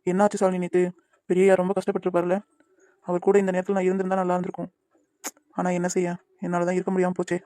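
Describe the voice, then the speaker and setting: A woman voicing a gentle, patient young man in a cartoon, soothing and reassuring the people around him. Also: on the high side, lively intonation, no room sound, lightly acted. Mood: sad. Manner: soothing, reassuring, quick talking. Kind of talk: cartoon voice acting.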